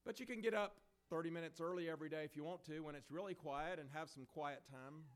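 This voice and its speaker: A man with a hoarse, failing voice gives an unhurried, conversational talk before communion, with a few fillers along the way. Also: fairly high pitch. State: hoarse, losing his voice. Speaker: preacher leading communion. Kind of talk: sermon.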